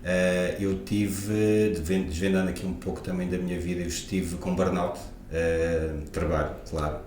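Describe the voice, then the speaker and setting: In a casual interview, a forties-aged osteopath from Lisbon with a European Portuguese accent speaks reflectively, hesitating often. His low, darkish voice has a flat delivery at normal speed, picked up off-mic in an echoey room with faint ambience and slight background noise.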